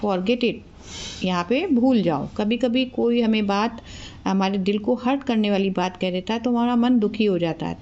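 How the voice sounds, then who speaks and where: A woman with an Indian accent talks slowly and with care, drilling everyday English phrases. Her voice sits a little high, and each English line comes twice after the Hindi one. The audio is slightly dull and lo-fi. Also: a little mellow. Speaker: English teacher. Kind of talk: slow, repetitive spoken English lesson.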